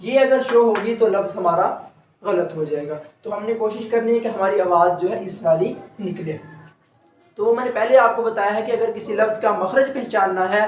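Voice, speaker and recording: A man's voice: sits high, normal speed, echoey room, faint music behind. A man teaching a recorded tajweed lesson, explaining step by step and drawing out each sound to demonstrate it. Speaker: Quran recitation teacher.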